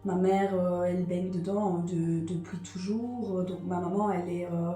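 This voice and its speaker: A woman's voice: on the low side, fairly even intonation, a little slow, warm tone, roomy sound, soft background music. A woman from Liège with a Belgian French accent, chatting hesitantly in a vlog, with lots of fillers and repetitions. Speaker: vlogger. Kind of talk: casual confessional chat.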